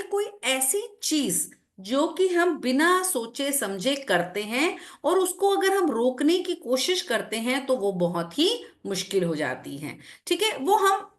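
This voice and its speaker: Woman teacher, online class, measured, explanatory delivery, slightly high voice. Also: fairly bright tone. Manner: slow, explanatory, mixing Hindi and English, asks students questions. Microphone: video call.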